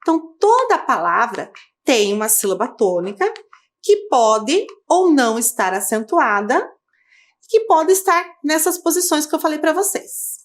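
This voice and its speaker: A woman teaching children in a video lesson, her voice high and very animated as it rises and falls. She has a Brazilian Portuguese accent and breaks words into syllables slowly and clearly. She keeps asking the pupils questions.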